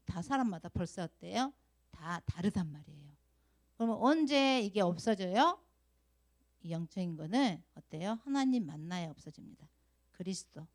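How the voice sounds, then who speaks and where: A middle-aged woman giving a children's sermon as a Sunday school teacher, keeping up a lively stream of questions to the kids and now and then acting out crying sounds. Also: fairly low pitch, moderate pace.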